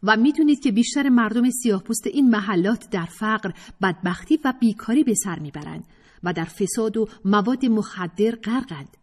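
A woman's voice: mid-range voice, lively intonation, darkish tone, husky, voice pushed up. A woman narrator voicing an earnest young woman who presses her point and lectures the group. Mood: lecturing. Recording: reverberant room.

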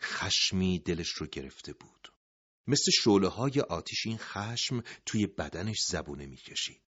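A man narrating a dramatic story, dropping to hushed tones at the end of sentences. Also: deep voice, animated, slightly rough. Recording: dull lo-fi recording.

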